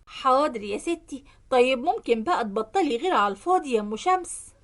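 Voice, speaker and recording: A woman plays a trusting middle-aged Egyptian company owner in a spoken story, slow and soothing. The voice sits high for a man. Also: lively intonation. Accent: Egyptian Arabic. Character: kindly, gullible middle-aged male company boss.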